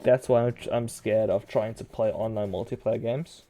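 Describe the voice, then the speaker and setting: A man's voice: fairly low pitch, steady tone, moderate pace, dark tone, no echo, faint music behind. A man chatting casually on a live stream, telling loose, profane stories and acting out what people said. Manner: loose, profane storytelling with acted-out quotes.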